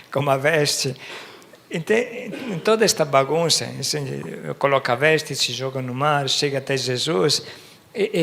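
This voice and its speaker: A man's voice: fairly high pitch, fairly bright tone. A priest preaching a homily in a conversational way, often checking that his listeners follow. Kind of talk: sermon. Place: church. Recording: long reverb of a church hall.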